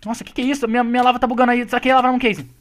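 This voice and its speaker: Fast-talking high-voiced gamer man. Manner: fast excited calls, sudden shouts. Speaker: gamer streaming with friends. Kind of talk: excited multiplayer gameplay chatter.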